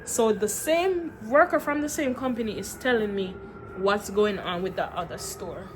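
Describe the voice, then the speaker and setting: A young woman talks to her camera at home, tired but animated as she tells her story, sighing and laughing between points. Her voice sits at an everyday middle pitch. A faint noise hangs behind her. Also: normal speed. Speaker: vlogger. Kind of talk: casual venting vlog.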